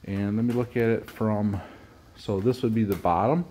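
A man's voice: fairly low pitch, steady tone, normal speed, dark tone, slight background noise. A middle-aged man in a pole barn workshop, plainly explaining how he puts up steel siding, step by step, with small restarts. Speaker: homestead video host. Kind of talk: casual how-to narration.

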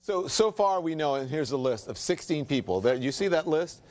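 A man anchoring a cable news panel discussion, brisk and sometimes sarcastic as he questions guests. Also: a little high, expressive, darkish tone.

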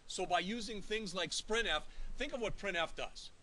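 Bright-voiced man giving a classroom lecture. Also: high voice, unhurried, poor audio. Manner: conversational, checks in often with "all right?". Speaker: college instructor. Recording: faint hiss.

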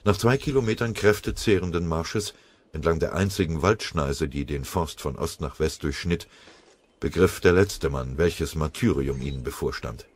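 A man narrating a war audiobook in a grave, measured way. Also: a bass voice, darkish tone, husky. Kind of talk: scripted war story narration.

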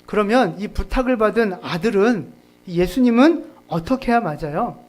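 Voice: mid-range voice, lively intonation, moderate pace. A pastor preaching a sermon at a church service in a conversational, joking way, often laughing and putting questions to the congregation.

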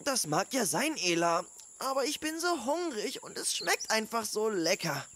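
Lino, a greedy little dinosaur boy who can't stop eating, as a woman reading a storybook puts him on. His voice swings up and down with lively emotion, whiny and eager. A faint outdoor hiss runs underneath. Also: on the high side, normal speed, pitched above the performer's own voice. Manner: whiny and eager, talks with mouth full.

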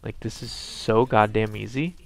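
A man's voice: on the low side, steady tone, unhurried, creaky. A man giving wry, sarcastic running commentary on his own gameplay, swearing freely.

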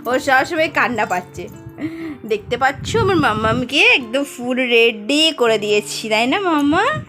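A woman's voice: high voice, very animated, unhurried, pauses often, music in the background. A young woman chatting casually to her viewers at home in a daily vlog, cooing now and then at her baby daughter. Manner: whispers while the baby sleeps. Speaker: vlogger.

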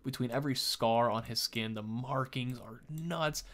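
A gaming video host with a medium-pitched, fairly bright voice talks at normal speed, giving an informal and enthusiastic game preview. He's at a desk in a small indoor room, and faint background noise and clicks can be heard.

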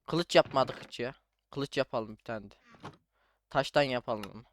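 A man's voice: medium pitch, unhurried, fairly bright tone, slight background noise. A young man casually commenting on his own Minecraft playthrough, chatting to himself and his viewers as he plays. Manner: chatty, talks to himself while playing, says "abi" and "arkadaşlar" often. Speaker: gaming YouTuber.

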